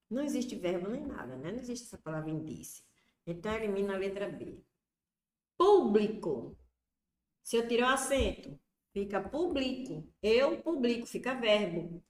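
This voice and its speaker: A woman's voice: medium pitch, reverberant. A woman with a Brazilian Portuguese accent teaching an exam prep lesson, explaining step by step and asking and answering her own questions.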